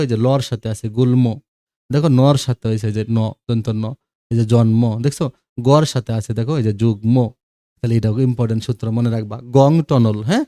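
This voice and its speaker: A man explaining a grammar lesson to his students, going over each example twice and checking that they follow. His voice sounds warm and relaxed, recorded close and dry with no room sound. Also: medium pitch, no room sound. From Bangladesh. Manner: explanatory, repeats examples, checks understanding with asides. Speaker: teacher.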